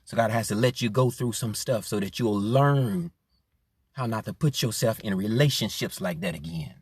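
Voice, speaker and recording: Impassioned preacher guy, husky lowish voice, keeps repeating himself. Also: normal speed, a little mellow, no room sound. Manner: impassioned, repeating phrases, rising and falling in force. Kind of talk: sermon.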